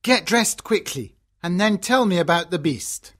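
A loving old father from a storybook, speaking slowly with a lively, rising and falling voice that has a soft, husky edge, as a man acts him out. His delivery is gentle and unhurried. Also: high-pitched, exaggerated voice. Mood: fatherly.

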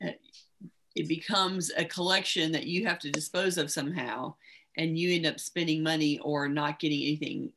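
A woman's voice: low-pitched, bright, forceful tone. A woman hosting a casual webcast about organizing, chatty and reassuring, laughing easily. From United States. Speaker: host, professional organizer.

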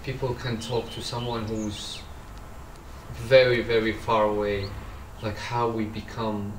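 Slow, halting man in an echoey room. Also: fairly low pitch, level tone, distant mic, slight background noise. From Morocco. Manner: slow, halting, searching for words. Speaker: artist. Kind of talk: reflective interview voice-over.

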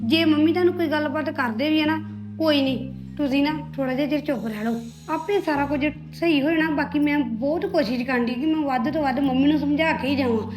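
A woman's voice: high voice, fairly quick, over music, lightly acted. A woman playing a worried young married woman in a family drama, talking earnestly and confidingly. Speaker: sister-in-law Preeti. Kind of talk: Punjabi family drama acting.

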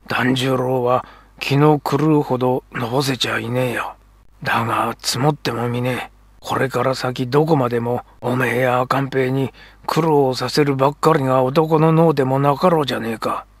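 A man voicing a proud but struggling middle-aged kabuki actor who talks in a rough, earnest Edo dialect. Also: mid-range voice, fairly even intonation, moderate pace, dry recording. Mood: brooding.

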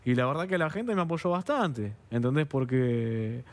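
A Buenos Aires-accented man appears as a guest on a TV studio interview, his mid-range, expressive voice moving at a normal speed. He vehemently narrates what happened, dramatizing the conversation and repeatedly asking "understand?".

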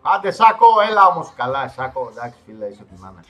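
Male streamer, live play-by-play, animated outbursts and low asides, game music faintly behind. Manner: excitable, swings from loud outbursts to low mutters. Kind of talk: live gameplay commentary.

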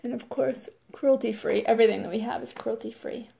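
Chatty woman with a gravelly voice. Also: fairly high pitch, fairly even intonation, brisk, warm tone, a little hiss or hum. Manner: chatty, says "totally" and "like" often. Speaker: makeup seller hosting a live video. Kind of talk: casual live product demo.

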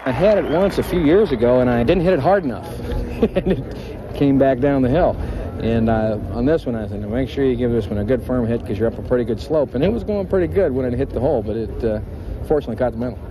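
A man's voice: mid-range voice, lively intonation, fast. A man from California, a golfer, recounting a shot casually in an outdoor interview. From California, United States. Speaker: professional golfer being interviewed. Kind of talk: casual post-round interview. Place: outdoors on a golf course, crowd behind. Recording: outdoor interview with loud crowd noise.

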